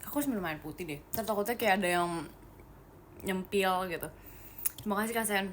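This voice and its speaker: A young woman idol hosting a casual live stream, chatting quickly and giggling as she reads viewer comments and drops in English phrases. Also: mid-range voice, noisy background. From Indonesia. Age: young adult.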